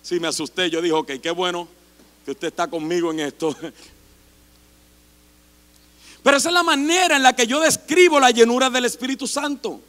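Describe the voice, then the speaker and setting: A middle-aged man preaching a sermon as pastor, impassioned and rising to shouts. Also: very high-pitched, animated, a little fast. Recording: long hall reverb.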